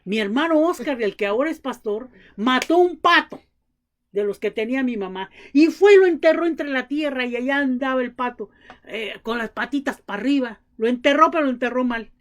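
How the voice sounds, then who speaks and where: A woman with a fairly high voice preaches to a congregation in an animated, brisk way. She tells family stories and acts out the dialogue, calling the congregation brothers.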